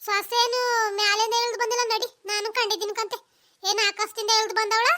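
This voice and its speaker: A woman voicing a sharp-tongued village mother-in-law who curses and wails loudly in a cartoon. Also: extremely high pitch, flat delivery, fairly quick, slight background noise. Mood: bossy angry. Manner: loud cursing rants, wailing complaints. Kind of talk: cartoon voice acting.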